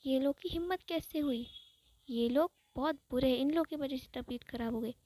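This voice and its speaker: A woman voicing a jealous, pouting young man in a spoken fan-fiction retelling, with a high, complaining sing-song. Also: brisk, mellow.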